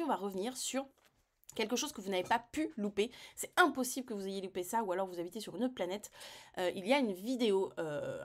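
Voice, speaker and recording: A woman, hosting a breastfeeding-advice channel in a casual vlog, chatting and joking straight to her viewers and translating texts aloud as she goes. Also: mid-range voice. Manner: reads aloud and translates on the fly. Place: home set with decor.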